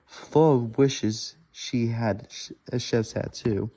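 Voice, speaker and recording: A man reads a children's storybook aloud slowly in a soft, mellow, mid-range voice. His reading is laboured and halting, and he frequently stumbles and backs up to fix a word.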